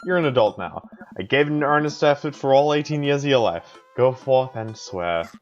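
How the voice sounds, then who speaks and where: A man's voice: medium pitch, animated, moderate pace, dull audio, soft background music, natural voice. A man voicing an awkward, defensive middle-aged single dad talking to his daughter. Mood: exasperated.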